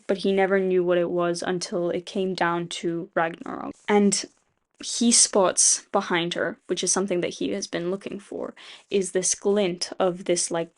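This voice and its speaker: A woman casually retelling a story she wrote, rambling and restarting, with frequent "like" fillers and casual swearing. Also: mid-range voice. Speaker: video creator. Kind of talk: casual retelling of a fan rewrite.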